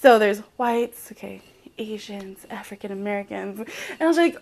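A woman's voice: medium pitch, animated, normal speed, gravelly, darkish tone. A young woman co-hosting a podcast in casual chat, chatty, laughing often, saying "like" a lot. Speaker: podcast co-host.

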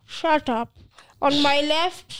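A woman's voice: sits high, takes it slowly, fairly bright tone. A young woman with a Kenyan accent co-hosting a podcast in casual banter. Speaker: podcast co-host.

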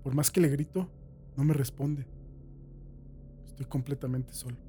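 A man's voice: medium pitch, steady tone, moderate pace, slight background noise. A man reading a first-person horror story aloud as a dramatic scripted narration. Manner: dramatic reading that swings from hushed to shouted.

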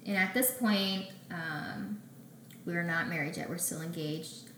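A young woman with a slightly low voice tells her story on an interview show and acts out each exchange as she goes. The recording sounds roomy and echoey, with a faint background hum. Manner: animated, acts out conversations in quick back-and-forth. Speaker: podcast guest, small bakery founder.

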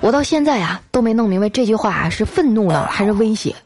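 A woman telling comic anecdotes in a lively, scripted way, stretching out filler sounds between phrases. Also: mid-range voice, fast talker, crowd noise. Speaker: storyteller host.

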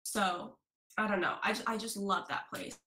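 A woman's voice: mid-range voice, steady tone, normal speed, bright, forceful tone. A woman in her twenties, a podcast guest in casual chat, talking in slang and swearing freely. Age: 20s. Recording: echoey room.

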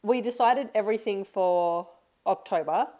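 Woman, podcast co-host, relaxed storyteller, easy laughter, casual chat. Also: medium pitch, moderate pace. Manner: chatty, laughs often, tells stories with lots of fillers.

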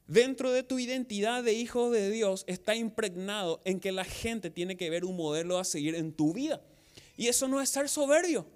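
A man's voice: sits high, moderate pace, smooth. A man with a Paraguayan Spanish accent preaching a sermon as pastor, asking the congregation rhetorical questions and acting out quotes. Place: outdoor church service.

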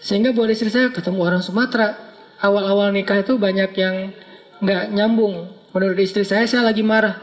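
A man's voice: sits high, steady tone, brisk. A man from Aceh, giving a casual, humorous storytelling sermon and laughing as he talks. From Aceh, Indonesia. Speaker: preacher.

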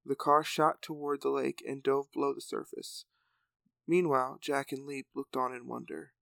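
Gravelly man reading a story. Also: mid-range voice, normal speed, no room sound. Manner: relaxed and chatty, with fillers. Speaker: podcast storyteller and host. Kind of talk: reading a serialized story aloud, then casual outro.

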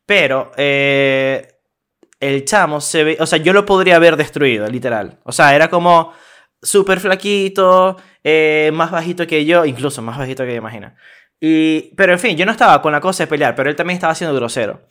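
A young man with a Venezuelan accent, casually telling a story on a podcast, slangy and animated, acting out what people said. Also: fairly high pitch, a little fast. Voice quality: animated, slangy, acts out quoted voices. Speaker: podcast co-host.

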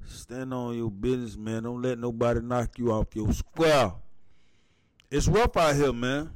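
A man's voice: medium pitch, a little slow, no room sound. Blunt laid-back man, dry sound. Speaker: guest. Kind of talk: casual profane chat.

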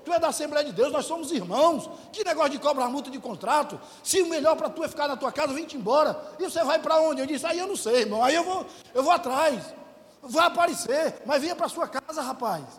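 A male pastor telling an animated testimony with voiced dialogue. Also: extremely high pitch, quick pace, few pauses, big-room sound. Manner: animated storytelling with quoted dialogue. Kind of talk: testimony in a sermon.

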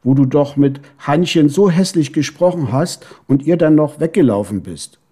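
A man's voice: fairly high pitch, animated, moderate pace, warm tone, slightly rough. A man voicing a firm but kind motherly neighbor beetle, in a storybook reading.

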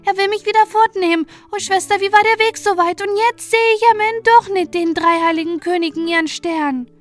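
Brief: a high, chirpy little peasant boy, cheeky and boastful, as a woman storyteller puts him on. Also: expressive, moderate pace, faint music behind. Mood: frightened. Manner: chirpy boastful dialect chatter.

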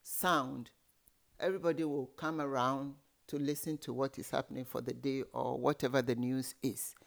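A man telling stories from his childhood as an interview guest, explaining in a lively way with many asides. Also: medium pitch, normal speed, creaky. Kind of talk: storytelling in an interview.

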